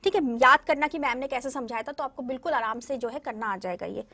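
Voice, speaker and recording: A woman speaks quickly in a high, sharp-toned voice while teaching a language lesson to primary schoolchildren. It's a recorded class aimed at kids, and she patiently walks them through each step, often making sure they're keeping up.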